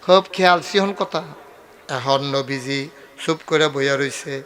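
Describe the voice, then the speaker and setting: A man preaching a waz sermon, telling stories in dialect with acted dialogue and rising into loud cries. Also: medium pitch, unhurried.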